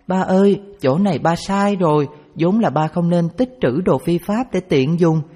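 A man's voice: sits high, normal speed, mellow, pitched above the performer's own voice. A man voicing his young schoolgirl daughter, earnest and reproachful, in a story reading. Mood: scolding. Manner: earnest, questioning tone. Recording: reverberant with background music.

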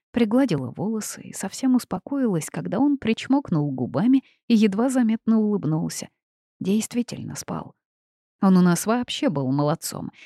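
A woman narrating a first-person fantasy audiobook with lively, expressive storytelling on a close mic. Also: medium pitch, husky, no room sound.

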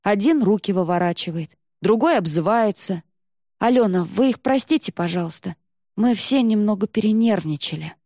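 Чтица за вежливую девушку, заблудившуюся, тон искренний, запись сухая. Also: female voice, medium pitch, animated, normal speed, mellow, no echo, clean studio sound. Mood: earnest polite. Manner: polite, earnest. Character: polite, earnest young woman lost far from home.

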